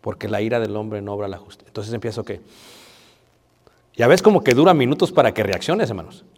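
A man's voice: lowish voice, a little fast. Pastor guy giving a marriage sermon, playful, keeps asking the crowd stuff, big hall echo. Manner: conversational, asks the audience questions, playful. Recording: long reverb of a hall.

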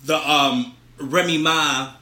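A man's voice: on the high side, steady tone, slow pace, bright, forceful tone, reverberant. A young man, co-hosting a casual, profane celebrity gossip chat and reading news items aloud with commentary. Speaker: podcast co-host.

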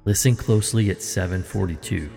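A man voicing quoted family members and a child, raised and excited. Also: low-pitched, a little fast, gravelly, big-room sound, over music, pitched above the performer's own voice.

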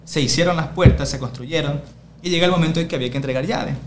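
Un hombre joven con acento ecuatoriano, líder comunitario, que cuenta anécdotas en una charla informal de podcast, imitando los diálogos. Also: male voice, fairly high pitch, fast talker, a little hiss or hum. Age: young adult. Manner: animated storyteller, acting out dialogue. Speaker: community leader. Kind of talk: casual podcast conversation.

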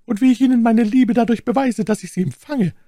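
A man's voice: extremely high pitch, brisk, dark tone, no echo, studio quality, pitched above the performer's own voice. A man voicing a cold, scheming young noblewoman with a cutting, mocking tone in an audiobook. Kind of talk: audiobook character voice.

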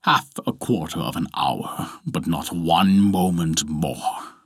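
A man voicing a cruel, commanding husband from a storybook, with imperious, drawn-out, emphatic orders. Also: mid-range voice, big pitch swings, a bit bright, slightly rough, dry recording, studio quality, heavily acted. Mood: stern.

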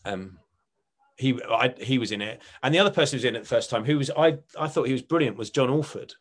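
This middle-aged man from Essex, England has a husky, mid-range voice with lively intonation and a fast pace. Being interviewed as an actor and writer, he reminisces casually, chatty and rambling and often correcting himself.

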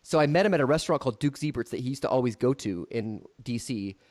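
Chatting casually on his podcast, a host in his thirties ribs his guest and tells jokey stories. He has a medium-pitched, darkish voice and speaks with animation at a quick pace.

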